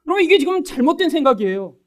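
A man's voice: extremely high pitch, big pitch swings, racing, fairly bright tone. A man preaching a sermon as pastor, addressing the congregation directly and acting out quoted dialogue. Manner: acts out quoted dialogue in changed voices.

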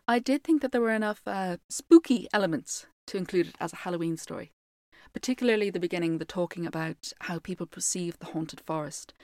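A woman's voice: fairly low pitch, a little mellow, no room sound, studio quality. A woman with a lilting Irish accent, speaking as a storyteller to her listeners. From Ireland. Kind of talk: storytelling with informal commentary to listeners.

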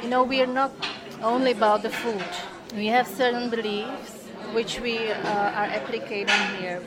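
A woman, a restaurant owner answering interview questions earnestly, pausing often with fillers. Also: on the high side, fairly even intonation. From Indonesia. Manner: earnest, halting, with frequent fillers. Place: busy restaurant at lunch hour. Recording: loud restaurant crowd behind.

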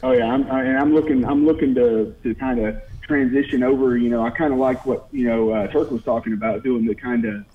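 A man's voice: mid-range voice, steady tone. Man over a tinny phone line. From Oklahoma, US. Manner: hesitant, fills pauses with "uh" and "you know". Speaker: caller. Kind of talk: casual chat.

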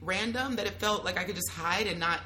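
A young adult woman, a travel content creator, talking casually as an interview guest, lively, slangy and quick to laugh. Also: fairly low pitch. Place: at a travel festival.

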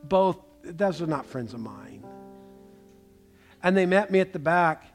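A man preaching a sermon, telling stories with animated, jokey asides. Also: on the high side, measured pace, soft background music. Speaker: pastor.

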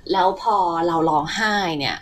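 Lively chatty woman explaining science. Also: deep voice, normal speed. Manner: lively storytelling, acts out her own reactions. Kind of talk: casual science chat.

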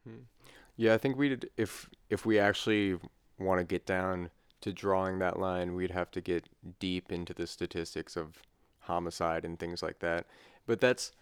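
A man's voice: low voice, steady tone, normal speed, clean tone, dry recording, clean studio sound. A man in a casual student discussion, talking loosely with many fillers. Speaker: student panelist.

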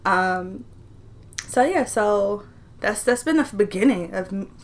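A woman's voice: mid-range voice, expressive, slow. A woman in her twenties with a mid-range voice co-hosts a casual chat show. She talks informally and uses a lot of slang. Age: 20s. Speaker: podcast co-host.

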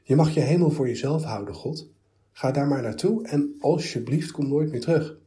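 A man's voice: fairly low pitch, normal speed, dark tone, lightly acted. A man voicing a crowd of philosophers and rulers who mock and chase away their god. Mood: scornful. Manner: mocking, jeering.

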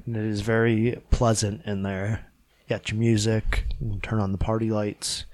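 A man's voice: on the low side, flat delivery, moderate pace, a little mellow, dry recording. A man with a nasal, congested voice, hosting a casual podcast chat. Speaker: podcast host.

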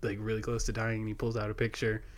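A man's voice: on the low side, monotone, fast talker. Rambling young man hosting a podcast. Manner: rambling, filler-heavy, laughs often. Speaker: podcast host. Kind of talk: casual chat.

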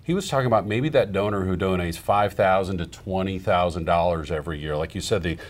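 Deep-voiced male interview host. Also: a little fast. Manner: conversational, prompting questions. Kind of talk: podcast interview.

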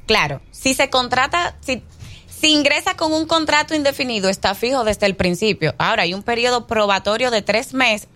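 A woman guest on a radio talk show, calmly explaining employment rules. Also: on the high side, moderate pace. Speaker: guest expert on labor law.

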